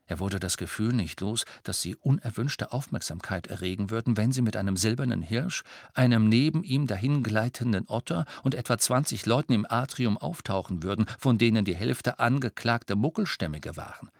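A man narrating an audiobook in a steady storytelling voice. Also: lowish voice, normal speed, vocal fry, few pauses, no room sound, studio quality. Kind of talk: scripted narration.

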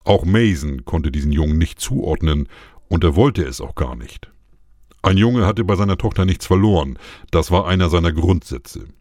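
Very deep male audiobook narrator. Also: expressive, normal speed, darkish tone, dry recording, studio quality. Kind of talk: scripted narration.

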